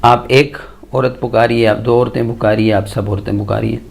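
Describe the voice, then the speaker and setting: A man teaching Arabic verb conjugations in a slow, measured lesson, reciting tables one form after another. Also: medium pitch, flat delivery, vocal fry. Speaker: Quran and Arabic grammar teacher.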